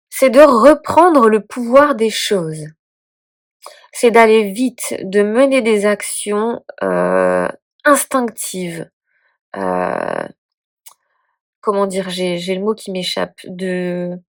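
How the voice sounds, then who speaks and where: A sniffly woman with a cold talks through a tarot reading at a slow, unhurried pace. She thinks aloud, hesitating and restarting as she searches for words. Her voice sits at an ordinary middle pitch. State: sick, sniffling. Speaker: tarot reader and channel host. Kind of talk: casual spoken tarot reading.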